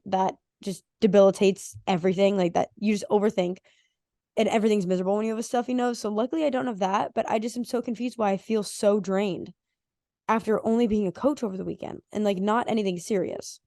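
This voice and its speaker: A young woman in her twenties with a hoarse, worn-out voice, co-hosting a casual podcast chat and rambling with lots of fillers. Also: mid-range voice, quick pace, mellow, dry recording, studio quality. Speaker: podcast co-host.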